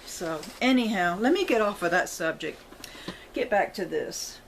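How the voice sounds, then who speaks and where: A woman's voice: medium pitch, animated, normal speed, creaky, slight background noise, rough recording. A middle-aged woman, talking to her viewers in a rambling, apologetic way, close to tears. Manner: rambling, apologetic, self-correcting. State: emotional, on the verge of tears. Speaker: vlogger. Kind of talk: casual personal talk to viewers.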